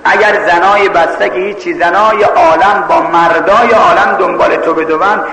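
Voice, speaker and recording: A man's voice: sits high, fairly even intonation, roomy sound, long reverb tail, recorded from a distance, crowd noise, low-quality recording. A man voicing a firm, chaste young woman in a sermon story. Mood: stern. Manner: stern and pleading by turns.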